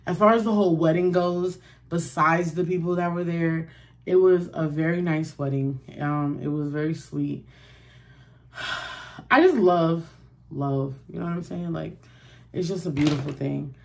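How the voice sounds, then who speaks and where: A woman's voice: low voice, steady tone, unhurried, vocal fry, a little mellow. Chatty young woman vlogging at home. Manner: chatty, rambling, many "like" and "um" fillers. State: out of breath, rushed. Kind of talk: casual vlog chat to camera.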